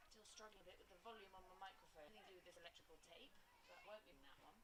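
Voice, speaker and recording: A woman commentating live on a cricket match from a marquee, relaxed and chatty, wandering into side stories between balls. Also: lowish voice, very fast. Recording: distant mic with background noise.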